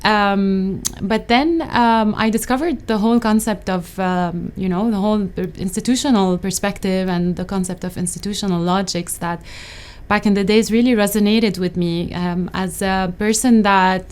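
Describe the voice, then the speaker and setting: Middle-aged woman academic from Lebanon, resonant clear tone, measured interview answers with frequent pauses and ums. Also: medium pitch, fairly even intonation, a little mellow. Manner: thoughtful, hesitant, many fillers and restarts. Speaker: associate professor.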